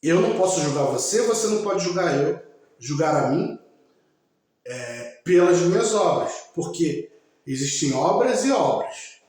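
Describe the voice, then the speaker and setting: Guy preaching slow and emphatic, kinda high voice, talks right to you. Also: animated, a little mellow. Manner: slow, emphatic, addresses listeners directly. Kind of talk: religious talk. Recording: very echoey room.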